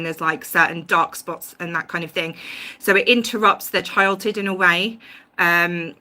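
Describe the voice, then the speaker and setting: A woman with a medium-pitched, pushed and bright voice hosts a casual YouTube livestream on a home mic. She rambles through her views at length with many ums and restarts, aware that she's going off on tangents.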